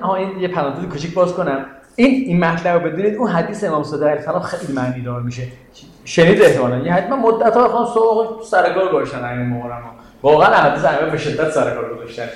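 A man teaching a Quranic exegesis class, explaining step by step, quoting Arabic verses and questioning his students. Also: high-pitched. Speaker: religious teacher. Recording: very echoey classroom.

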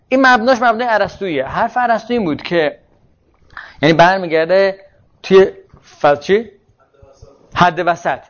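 Brief: male philosophy lecturer who thinks aloud and corrects himself mid-sentence, dull lo-fi sound. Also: sits high. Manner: questions and answers himself. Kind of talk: university lecture. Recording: muffled lo-fi classroom recording.

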